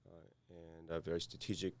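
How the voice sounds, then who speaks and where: A man from South Korea with a Korean accent, a podcast guest speaking haltingly with many fillers and restarts. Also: low-pitched, level tone. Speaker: guest, cybersecurity firm founder. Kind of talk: podcast interview.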